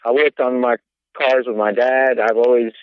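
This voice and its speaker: A man's voice: mid-range voice, flat delivery, moderate pace, smooth, no room sound. Laid-back man on a tinny line. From South Carolina. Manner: laid-back, says man and dude a lot. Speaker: podcast guest, business owner. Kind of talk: casual interview chat.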